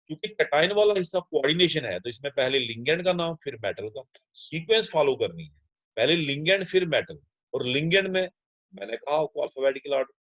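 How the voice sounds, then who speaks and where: A man's voice: on the high side, fairly bright tone, no room sound, rough recording. A man teaching a chemistry class in a lecture style, explaining each step and asking his students questions that he then answers himself. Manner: addresses students as children. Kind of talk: classroom lecture mixing Hindi and English.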